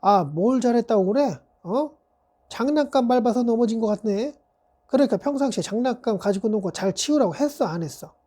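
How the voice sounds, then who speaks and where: A woman voicing an irritated mother who scolds her husband and child in a sharp, nagging tone. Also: fairly high pitch, lively intonation, brisk.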